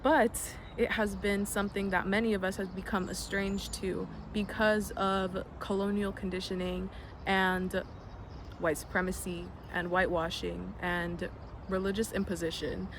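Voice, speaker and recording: Birds and passing vehicles fill the noisy background as a young American vlogger reflects on personal matters. The delivery is earnest and measured, medium in pitch with little rise and fall, peppered with ums and occasional casual cursing.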